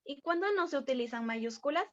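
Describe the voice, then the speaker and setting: Young woman reading her class talk, higher voice, flat dry lo-fi audio. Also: fairly quick, no room sound. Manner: steady, pointing to examples on a board. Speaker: student presenter. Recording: dry, dull lo-fi sound.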